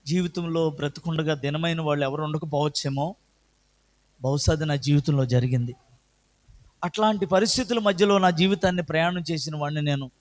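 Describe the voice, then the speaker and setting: A middle-aged man giving an earnest personal testimony at church, his voice swelling loud and high at moving moments. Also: brisk. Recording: echoey hall with long reverb.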